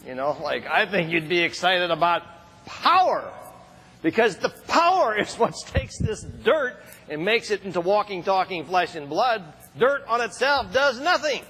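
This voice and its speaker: A middle-aged man giving an excitable motivational talk to a live audience, building up to shouted questions. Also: high-pitched, unhurried, breathy edge.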